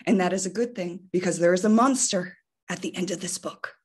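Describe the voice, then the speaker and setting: A woman voicing a lovable furry male storybook monster who frets and pleads in a high, panicky voice, heard over a video call. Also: brisk, slightly rough. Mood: pleading. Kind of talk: reading a storybook aloud.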